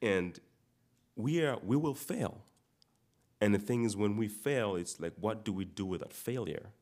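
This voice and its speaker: A man from Uganda delivers a sermon in a very deep, low voice. He often repeats words and restarts phrases to press his points home. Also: expressive, a little slow, darkish tone. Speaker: preacher.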